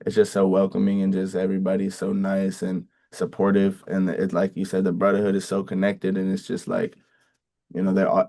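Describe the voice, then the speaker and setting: A college football player in his young adult years, from the Bay Area in California, answers interview questions casually. His voice is deep and almost monotone, dark, gravelly and mellow, and he keeps pausing, saying um, restarting and circling back as he describes his plays.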